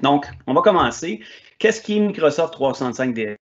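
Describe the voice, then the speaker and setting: A man's voice: a little high, animated, fast talker, muffled recording. A man from Quebec with a Québécois French accent, presenting a technical conference session with frequent fillers and restarts. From Quebec, Canada. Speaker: conference speaker.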